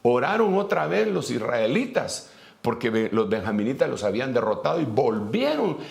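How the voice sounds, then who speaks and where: Man, pastor, sermon, gravelly voice, storytelling. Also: medium pitch. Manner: retells scripture in a lively storytelling way with pauses and restarts.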